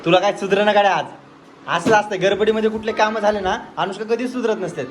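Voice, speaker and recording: A man's voice: sits high, fairly even intonation, fast talker, echoey room. A man filming a casual family vlog at home, teasing his wife and cooing at a baby. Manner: playful, teasing, baby talk to a child. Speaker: family vlogger. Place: home, indoors. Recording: noisy home recording.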